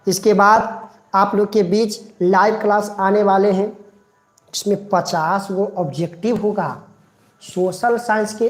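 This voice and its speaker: Guy teaching online, goes real slow, keeps repeating the rule and calling on students, echoey room. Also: high voice. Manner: drills a rule by repeating it, coaxing students by name to recite along. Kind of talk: live online class lecture.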